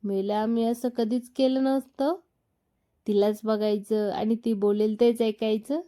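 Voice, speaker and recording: A woman's voice: a little high, fairly even intonation, measured pace, warm tone, natural voice. A woman voicing a middle-aged mother in a read-aloud story, teasing and scolding her son.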